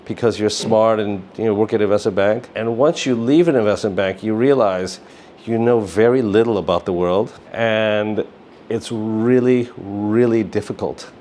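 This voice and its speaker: This darkish, low-leaning male voice belongs to a middle-aged business founder being interviewed, speaking at a moderate pace with slight background noise. His casual answers wander, sprinkled often with "you know" and "like."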